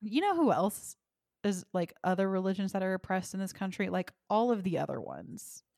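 A woman's voice: medium pitch, very animated, moderate pace, vocal fry, a little mellow, dry recording, studio quality. A woman co-hosting a podcast in casual chat, blunt and exasperated, with many "like" fillers. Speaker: podcast co-host.

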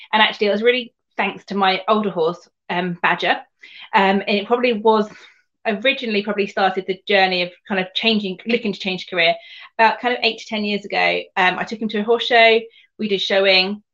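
A woman with a soft-edged lo-fi sound speaks in a home counties English accent. She tells her story as an interview guest in a conversational, rambling way, often feeling for the next phrase. Her pitch sits in the middle for a woman. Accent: southern English, home counties. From Surrey, England. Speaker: guest, equine sports massage therapist.

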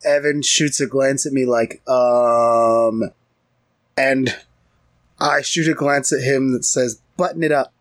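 A man's voice: medium pitch, fairly even intonation, slow pace. A man playing a tabletop game, casually describing his character's actions in a blunt, wry way. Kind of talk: casual in-game role-play and banter.

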